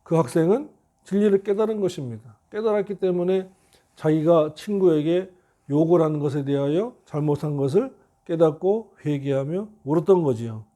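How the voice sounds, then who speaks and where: Middle-aged guy pastor preaching, kinda high voice but soft and mellow. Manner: earnest storytelling, slow scripture reading. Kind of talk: sermon.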